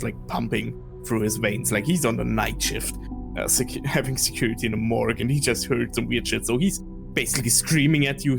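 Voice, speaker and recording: Gravelly-voiced man running a tabletop game. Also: medium pitch. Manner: loose, profane, laughing. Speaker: game master. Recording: music bed underneath.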